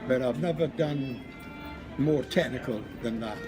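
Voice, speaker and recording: An older man with a Scottish accent chatting casually, often pausing and searching for his words. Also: mid-range voice. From Scotland. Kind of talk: casual chat. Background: loud music and crowd.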